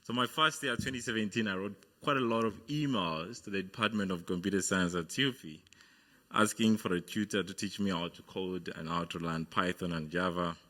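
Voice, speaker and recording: A young Ugandan business founder, speaking as a guest on stage at a university event, gives a hesitant motivational talk about his studies full of fillers and restarts. His voice is deep, pushed and bright.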